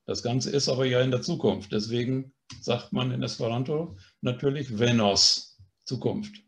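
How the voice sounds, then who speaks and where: A man's voice: medium pitch, moderate pace. A man teaching a language course, explaining grammar patiently and often checking in with a questioning "ne?". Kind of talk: online language lesson.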